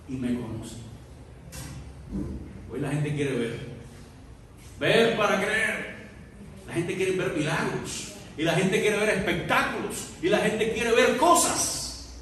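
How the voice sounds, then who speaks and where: A man preaching a Spanish sermon as pastor, swinging from soft murmurs to loud shouted peaks and acting out biblical dialogue. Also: high voice, lively intonation, slow, pauses often, a little hiss or hum. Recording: echoey hall recorded from far off.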